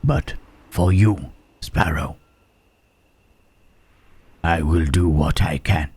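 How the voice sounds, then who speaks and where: A man playing a gentle, brooding, melancholy monster in an ASMR roleplay, with halting, solemn, formal speech and a breathy voice. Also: no echo, full character voice. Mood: sorrowful, earnest. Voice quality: husky, breathy, deep.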